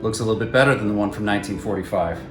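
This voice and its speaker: Speaking on the low side at a racing pace, this male radio morning show host narrates a casual hands-on tutorial, wry and folksy as he explains each step of a DIY build. Clear music plays underneath.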